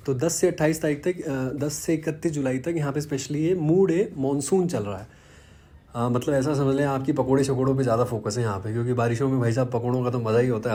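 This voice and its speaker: Chatty man with a mellow voice. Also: mid-range voice. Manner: chatty, peppers speech with "bhai sahab"; mixes English phrases into Hindi. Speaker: vlogger. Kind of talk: casual vlog walkthrough narration.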